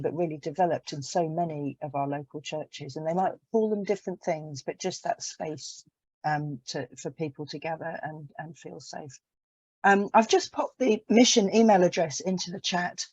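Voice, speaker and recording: Soft-spoken woman chairing an online forum. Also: sits low, no room sound. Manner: hesitant, many fillers and restarts. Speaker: conference chair. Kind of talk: online meeting moderation. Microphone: video call. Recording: dull, dry online call audio.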